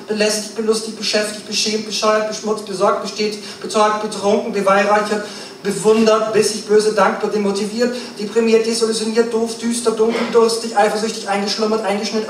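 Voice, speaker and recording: A woman giving an experimental spoken-word performance, chanting long rhythmic lists with sweeping swings between hushed and loud. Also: mid-range voice. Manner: incantatory, rhythmic listing with sweeping shifts in loudness and pace. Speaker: performance poet. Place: live stage in a reverberant room. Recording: distant live recording in a very echoey room with faint noise.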